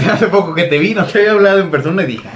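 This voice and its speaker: Copresentador mexicano, habla rápida y relajada, voz algo aguda. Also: male voice, high voice, lively intonation, fast, background noise. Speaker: podcast co-host, carpenter. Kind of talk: casual chat.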